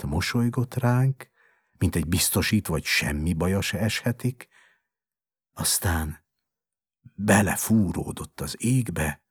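A man narrating a story in an expressive, measured dramatic reading. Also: deep voice, slightly rough, no room sound, studio quality.

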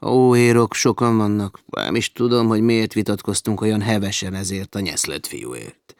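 A man voicing a gruff, rough doctor in a plain, matter-of-fact way, dry recording. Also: lowish voice, darkish tone, no room sound, lightly acted. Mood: wary.

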